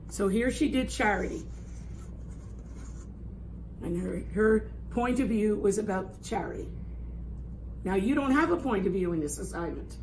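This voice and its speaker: This is an emphatic, instructive art teacher in her sixties whose hoarse, raspy voice occasionally thins toward a whisper. She speaks at a medium pitch while explaining a classroom assignment indoors, pausing to ask "okay?". The poor audio comes from a camera a few metres away and carries clear room noise.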